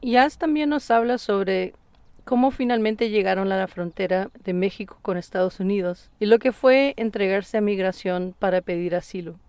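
A woman host reading a scripted narration at a measured, even pace. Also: medium pitch, clean tone, no room sound.

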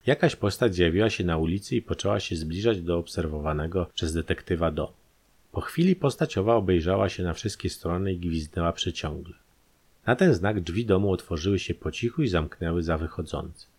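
A man reading a detective story aloud as an audiobook narrator, steady and measured. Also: sits low, husky. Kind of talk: scripted narration.

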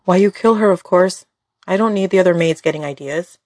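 A woman's voice: fairly low pitch, brisk, darkish tone, dry recording, clean studio sound, natural voice. A woman voicing a cruel older male crime boss, curt and commanding, in an audio drama story. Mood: cold menace.

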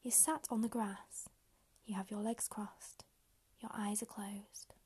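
Woman, meditation guide, whispers throughout, mellow and breathy, close-miked and unhurried. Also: mid-range voice, fairly even intonation. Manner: slow, soft, unhurried instructions.

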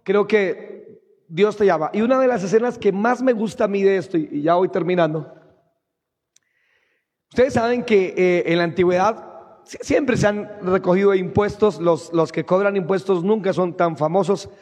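Colombian pastor with a high voice. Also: male voice, moderate pace, long reverb tail. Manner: lively, humorous, rising to shouts. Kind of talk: sermon.

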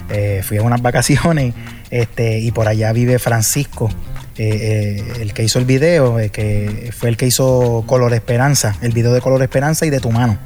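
A man's voice: mid-range voice, steady tone, moderate pace, a little mellow. Puerto Rican male singer, rambling storyteller, fillers galore, light music bed. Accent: Puerto Rican Spanish. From Puerto Rico. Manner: chatty storyteller, many fillers and restarts. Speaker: salsa singer, guest. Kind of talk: casual interview chat.

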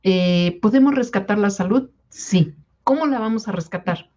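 A woman gives a casual wellness talk, speaking in a mellow, warm tone. She coaxes her listeners and keeps checking in with them. The recording sounds a little dull and muffled. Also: medium pitch, normal speed. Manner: coaxing, repeats "¿sí?" to check in with listeners. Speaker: wellness product presenter. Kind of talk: informal health talk to distributors.

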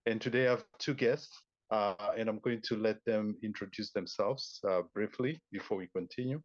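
A man's voice: fairly low pitch, steady tone, normal speed, no room sound. A man hosting a podcast interview, asking his guests questions with many ums and uhs. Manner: hesitant, filler-heavy, welcoming. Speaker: podcast host. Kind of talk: interview conversation. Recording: dull, dry sound.

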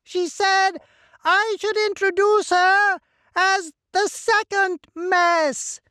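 Whiny small male servant played by the narrator, high and strained, calling from afar in a storybook audio drama. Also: little pitch movement, extremely slow, bright, forceful tone, no room sound, clean studio sound, full character voice.

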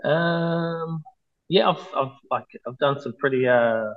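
A man's voice: fairly high pitch, slow, highs cut off. A man in his thirties with a broad New Zealand accent, chatting casually as an interview guest in a laid-back, hesitant, informal way. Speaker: interview guest, mural artist.

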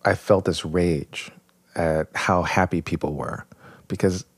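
A man's voice: deep voice, slow, slightly rough, no room sound. A man in his forties from New York, a professor telling a vivid, self-mocking story as a podcast guest.

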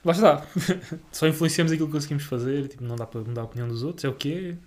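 A man's voice: a little high, rapid-fire. A man with a European Portuguese accent talking informally and agreeably in a casual podcast conversation, using plenty of slang.

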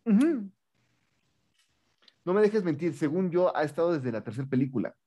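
Man, Mexican accent, slightly high voice, casual film review co-host, slangy, incredulous ranting. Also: very animated, moderate pace, mellow. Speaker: co-host of a movie review show.

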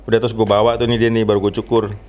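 A man chatting casually and jokingly with friends about his pet. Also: fairly low pitch. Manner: relaxed, joking, quick slangy talk. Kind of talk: casual group chat.

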